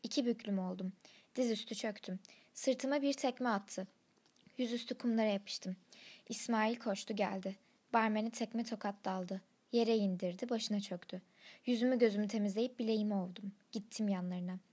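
A woman's voice: medium pitch, normal speed, darkish tone. A woman reading a first-person story aloud, in blunt, slang-laden narration.

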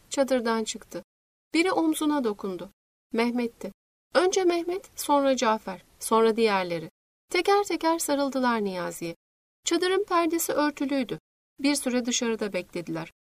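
A woman reading a novel aloud in measured, scripted narration. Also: high-pitched, dry recording. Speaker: audiobook narrator.

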